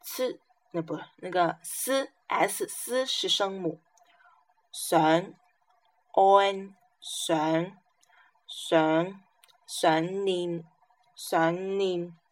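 A woman's voice: on the low side, slow pace, long pauses. A woman teaching a pronunciation lesson, repeating each syllable and example word several times. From southern China. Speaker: language teacher.

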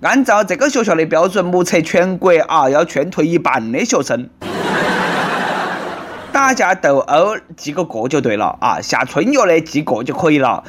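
A man with a Nanchong Sichuanese accent riffs on the news in a sarcastic, teasing tone. His voice sits a little higher than most men's. He talks to his listeners as if chatting with friends. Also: expressive, normal speed, a bit bright, slight background noise. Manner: sarcastic, bantering. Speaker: comedic news commentator. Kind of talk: comic news commentary.

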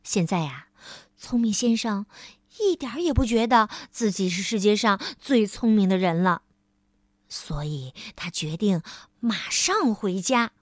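Female storyteller, slow, animated delivery for kids, dry booth sound. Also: mid-range voice, no room sound. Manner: lively, with many drawn-out fillers in character lines. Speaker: children's storyteller. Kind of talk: storybook reading for children.

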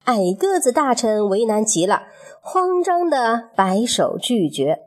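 A woman narrating a children's story in an expressive, measured storytelling manner. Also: a little high.

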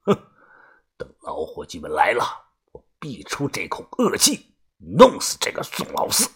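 Guy putting on a gruff old grave-robber boss, ruthless, low and hushed, husky storybook voice. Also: huge pitch swings, a little slow, full character voice. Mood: boastful.

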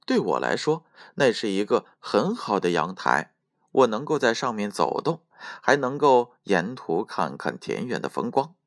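A man's voice: on the low side, very animated, unhurried, no room sound, studio quality. A man voicing a tiny, thumb-sized boy who is clever, playful and teasing in a storybook reading.

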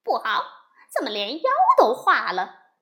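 Brash male monkey king, played by a woman: loud, defiant, animated, storybook tone. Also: mid-range voice, unhurried. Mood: alarmed.

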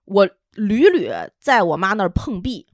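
A young woman, hosting a podcast and telling a personal story in an emotional, animated way. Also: mid-range voice, unhurried, dry recording, clean studio sound. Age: young adult. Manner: emotional, animated retelling with quoted dialogue. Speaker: podcast host. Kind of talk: casual storytelling chat.

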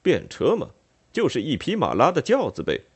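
A man's voice: a little high, huge pitch swings, normal speed, husky, full character voice. A man reading an audiobook, voicing a jovial older merchant father who jokes and teases his son in a hearty voice. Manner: hearty, joking.

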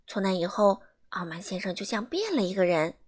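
A woman reading a children's storybook aloud in an animated way, asking the listeners questions. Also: medium pitch, fairly quick, husky.

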